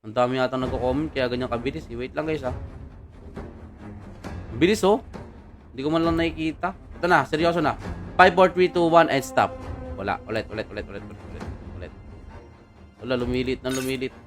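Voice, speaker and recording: A man chatting excitedly while livestreaming a mobile game, teasing his opponent as he plays. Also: mid-range voice, a little fast, pauses often, faint music behind. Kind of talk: casual live game commentary.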